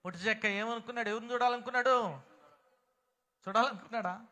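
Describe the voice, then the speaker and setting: A man's voice: extremely high pitch, quick pace, sharp tone. A man with a Telugu accent preaching a sermon in a prayer hall, emphatic and calling out to the congregation for responses. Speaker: pastor.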